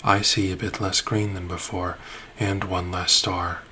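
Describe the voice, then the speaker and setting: A man narrating a space-ship ASMR roleplay in a soft, soothing voice that drops into whispers. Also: sits low, little pitch movement, a little slow, a little hiss or hum.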